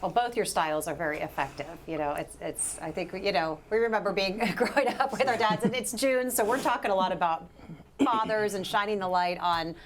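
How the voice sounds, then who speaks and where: A woman's voice: medium pitch, brisk, a crowd in the background. A woman hosting a live news show, speaking in an upbeat, conversational way with some stumbling restarts. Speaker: host.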